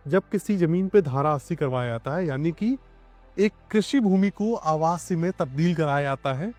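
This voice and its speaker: Man, property tour host, outdoors, fairly high voice, light music underneath. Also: animated, normal speed, darkish tone. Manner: explanatory, addresses viewers as friends. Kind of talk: on-site property tour interview. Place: outdoors at a plot site.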